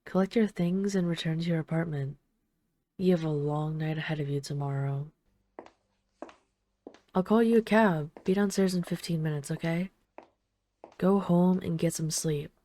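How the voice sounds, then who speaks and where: In an intimate audio roleplay, a woman plays an ageless vampire, her low voice soft and unhurried at normal speed with long pauses. The lightly acted delivery is tender and wistful, carrying a gently condescending, commanding edge.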